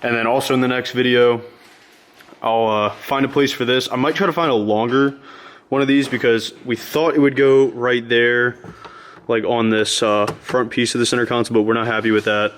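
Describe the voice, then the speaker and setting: There's slight background noise as this man hosts his car build channel, sitting inside a vehicle in the garage and talking through his work in an easygoing, chatty how-to vlog. He speaks at normal speed in a steady, medium-pitched voice with a fairly bright tone.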